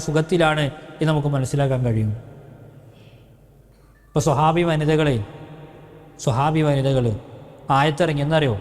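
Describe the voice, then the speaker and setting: Fairly high-voiced male preacher in reverb. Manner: storytelling with rhetorical questions to listeners. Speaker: Islamic preacher. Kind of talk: religious talk. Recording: long hall reverb.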